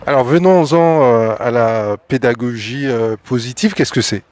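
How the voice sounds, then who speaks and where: A man hosting a radio interview, asking questions in a halting way with many fillers. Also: medium pitch, a little mellow.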